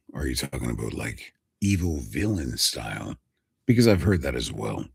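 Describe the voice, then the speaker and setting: Man, voice actor hosting a live chat: extremely deep, husky, slow and dramatic, dry close sound. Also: dry recording. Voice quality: very deep, gravelly voice. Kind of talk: casual live-stream chat with viewers.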